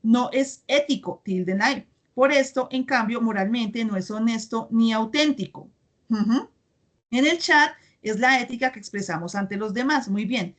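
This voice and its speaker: A woman teaches a class over a video call, her voice sitting a bit higher than most. She reads student comments aloud from the chat and keeps checking that everyone follows with quick tag questions.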